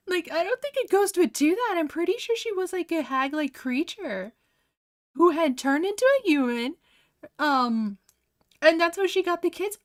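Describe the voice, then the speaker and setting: Young woman, high-pitched voice, giggly, casual livestream chat, animated disbelief, lots of "like". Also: a little slow. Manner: giggly, laughs often, heavy use of "like". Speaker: art streamer.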